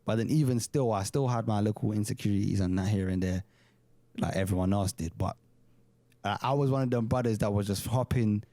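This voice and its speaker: A man's voice: fairly low pitch, brisk, mellow, no room sound. Young London roadman guy chatting casually. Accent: London urban roadman slang accent. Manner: slangy, loose, talkative. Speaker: podcast co-host. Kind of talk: casual banter and chat.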